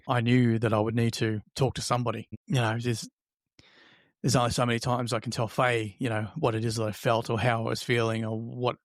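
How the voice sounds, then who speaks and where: A man, an interview guest telling a personal story in a halting, reflective, conversational way, acting out remembered remarks. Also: medium pitch, dry recording, studio quality.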